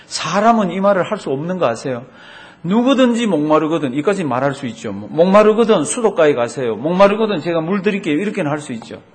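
A man's voice: on the high side, animated, fast talker, hardly any pauses. A male pastor preaching a sermon to his congregation, asking them rhetorical questions and drawing out the Bible verses he quotes.

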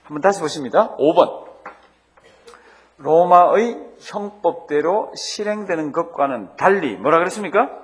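A man's voice: fairly high pitch, expressive, a little slow. A man preaching a sermon as pastor, asking his congregation questions and leading them in reading scripture aloud. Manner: calls out the scripture cries loudly.

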